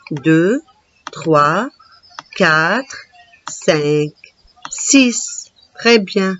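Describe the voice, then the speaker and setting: Teacher, woman, very slow and patient, counts syllables aloud, dull lo-fi recording. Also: fairly low pitch. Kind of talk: classroom reading lesson.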